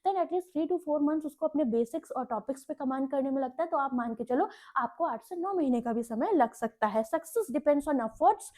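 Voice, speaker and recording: A young woman teacher with a high, animated, somewhat dark voice gives a Hinglish lecture on bank exam preparation at a moderate pace with few pauses. Her advice is direct and instructive, and she keeps checking in with students with a frequent "ठीक है."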